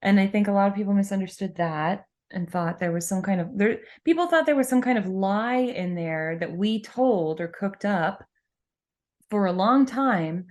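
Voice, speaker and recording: A woman co-hosting a podcast, explaining events in a measured, reflective way with dry, wry asides. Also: mid-range voice, darkish tone. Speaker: podcast co-host. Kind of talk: casual podcast chat.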